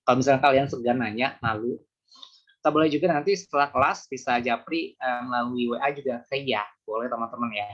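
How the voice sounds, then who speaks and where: A man teaching a beginners' Mandarin class online, explaining patiently and slowing down to repeat examples. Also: mid-range voice, fairly bright tone. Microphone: video call. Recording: muffled video call audio.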